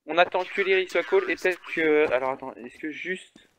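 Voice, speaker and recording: A man's voice: fairly high pitch, moderate pace, fairly bright tone, a little hiss or hum. A man, an esports caster chatting alone before a match, joking about himself and answering viewers' questions. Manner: chatty, self-mocking, answers chat questions. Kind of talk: solo pre-match stream commentary.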